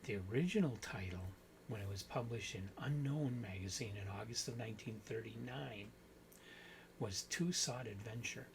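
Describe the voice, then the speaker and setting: Hosting a book channel, a man talks through a story casually, rambling, thinking aloud, and correcting himself along the way. His mid-range voice is creaky, his pace moderate, and there is background noise.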